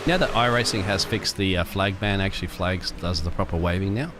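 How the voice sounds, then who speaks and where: A man's voice: deep voice, brisk, a bit bright. Male motorsport commentator, faint noise behind. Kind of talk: conversational live sim-racing commentary.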